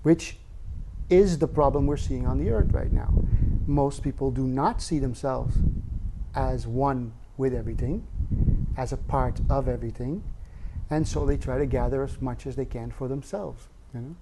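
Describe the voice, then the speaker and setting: Gravelly-voiced man giving a spiritual talk. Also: medium pitch, normal speed, noisy background. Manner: earnest, reflective, casual asides and rhetorical questions. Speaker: spiritual teacher. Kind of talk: satsang talk.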